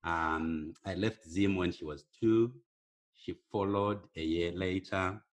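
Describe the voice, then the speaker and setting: A middle-aged man with a Zimbabwean accent, a podcast guest speaking slowly and hesitantly with many pauses. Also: deep voice. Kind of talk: casual podcast interview.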